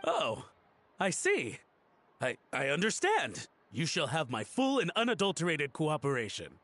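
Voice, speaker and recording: A man's voice: on the high side, huge pitch swings, a little slow, fairly bright tone, exaggerated voice. An actor voicing a nervous young male suspect in a video game, stammering and anxious.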